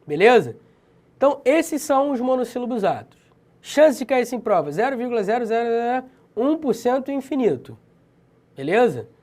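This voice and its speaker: A Portuguese teacher for civil-service exams speaks with a Brazilian accent in a very high, slightly fast voice with big pitch swings and a darkish tone. His casual lesson is slangy and emphatic, and he often checks in with the viewer.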